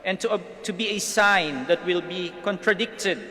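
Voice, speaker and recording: A man with a Filipino accent, a priest reading the gospel and preaching in a measured, solemn way, heard with cathedral echo in a large church. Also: high voice, bright, forceful tone. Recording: long church hall reverb, off-mic.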